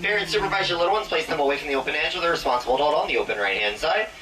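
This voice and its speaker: Male conductor, train PA announcement, fast and bright-toned, echoey and distant. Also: fairly high pitch, animated. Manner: brisk, formal announcer delivery. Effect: train loudspeaker announcement. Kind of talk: formal safety announcement. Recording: echoey loudspeaker heard from far off.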